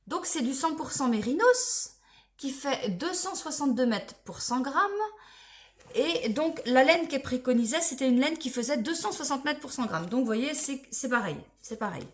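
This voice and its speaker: A woman's voice: sits high, expressive, moderate pace. A woman chatting casually on her knitting vlog, rambling a little and checking things aloud as she goes. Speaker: knitting vlogger. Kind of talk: casual chat.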